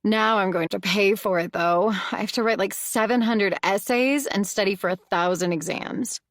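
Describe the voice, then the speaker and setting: A woman's voice: mid-range voice, moderate pace, dry recording, clean studio sound, lightly acted. A woman voicing a moody teenage girl in an audiobook, with a breezy, defensive manner.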